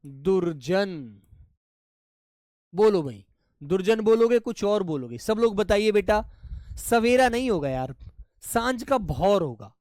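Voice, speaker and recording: With a sing-song delivery, this male online teacher slowly repeats each word in his live class and refers to the kids as "dear." His voice drops soft and low as he repeats answers, captured in clean studio sound with no echo.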